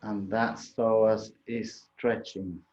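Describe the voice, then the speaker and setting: A man's voice: on the low side, little pitch movement, extremely slow, darkish tone, faint music behind. A man instructing a yoga class in a conversational way, correcting himself as he demonstrates the moves. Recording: echoey room, dull muffled sound.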